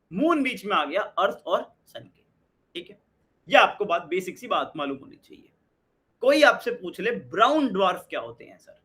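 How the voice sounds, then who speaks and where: A man's voice: sits high, bright, forceful tone. A young Indian man teaching an exam-prep lesson in mixed Hindi and English, asking questions and answering them himself. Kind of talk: energetic Hindi-English lecture.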